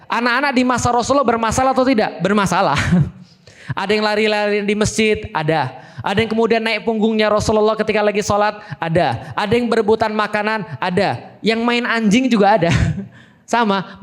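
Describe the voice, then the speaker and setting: A man's voice: high-pitched, a bit bright. A man giving a conversational religious talk, often checking that listeners understand. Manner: conversational, asks listeners questions. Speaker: preacher.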